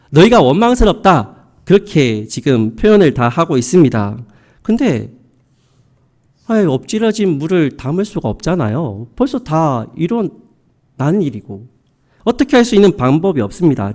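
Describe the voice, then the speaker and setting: Emphatic pastor with a lively voice. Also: male voice, on the high side. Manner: emphatic, explaining with rhetorical questions. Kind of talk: sermon.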